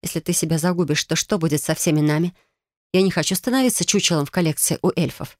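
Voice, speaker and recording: A woman voicing a young witch, speaking higher and more urgently, sometimes scolding. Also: fast, darkish tone, no room sound, clean studio sound, lightly acted. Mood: stern.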